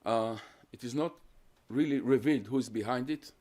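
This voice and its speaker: A guest lecturer on terrorism research, whose first language is Hungarian, gives an academic talk in an even, medium-pitched voice. He lays out his points one at a time in a measured, explanatory manner and also fields questions from the audience.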